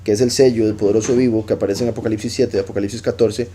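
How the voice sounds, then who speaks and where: A man's voice: on the low side, steady tone, rapid-fire, warm tone, a little hiss or hum. A man teaching scripture to a congregation, explaining a passage step by step and repeating his key points. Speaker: Bible teacher.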